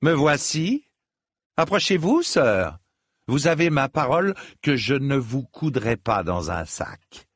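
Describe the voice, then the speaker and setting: A man's voice: medium pitch, big pitch swings, measured pace, few pauses, no room sound, clean studio sound, pitched above the performer's own voice. A man voicing a stern, commanding noble lady. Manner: curt, commanding. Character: stern noble widow, proud and cold.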